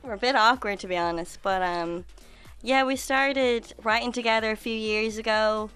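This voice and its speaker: A woman's voice: on the high side, normal speed, a bit bright, clear, resonant tone, faint music behind. A young woman with a Donegal Irish accent, chatting casually as a guest in a radio interview. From southwest Donegal, Ireland. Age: young adult. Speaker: band singer, interview guest.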